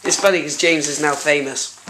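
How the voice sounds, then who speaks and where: A man's voice: fairly high pitch, steady tone, brisk. A man cracking mock-dramatic jokes while his friend cooks. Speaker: friend joking from the side. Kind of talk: teasing side commentary. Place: home kitchen. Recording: echoey room, loud frying noise. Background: sizzling pan.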